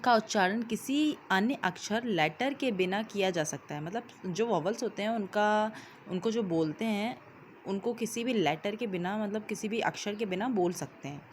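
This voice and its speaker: A woman's voice: medium pitch, moderate pace, slight background noise. A woman teacher with an Indian accent explains English grammar in a recorded lesson. She goes step by step, spells words out letter by letter and closes each point with "ठीक है".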